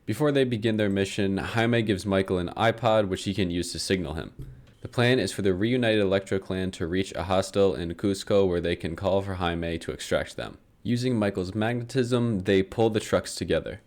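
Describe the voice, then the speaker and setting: Low-voiced man narrating with sarcasm. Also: normal speed, a little mellow. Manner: sarcastic, swears freely, laughs at his own lines. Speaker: comedic book summarizer. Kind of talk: comedic scripted narration.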